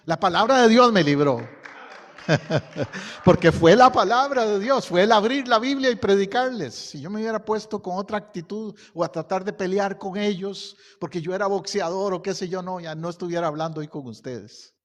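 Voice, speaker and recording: A man's voice: high-pitched, moderate pace. A middle-aged male pastor preaching a storytelling sermon, building to emphatic bursts. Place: church hall. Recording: long church hall reverb.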